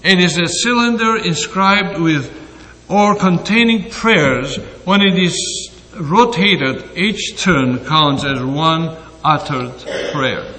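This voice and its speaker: Wrapped in a long reverb like a hall's, an older Greek-accented preacher from Greece delivers a sermon. His fairly high voice is bright and forceful. He moves slowly and deliberately, with frequent pauses and hesitations.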